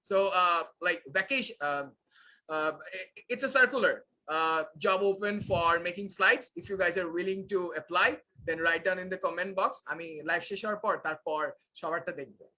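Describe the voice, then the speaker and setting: A man's voice: high-pitched, slow, sharp tone, low-quality recording. A young man teaching a live online class, switching between Bangla and English with frequent filler sounds.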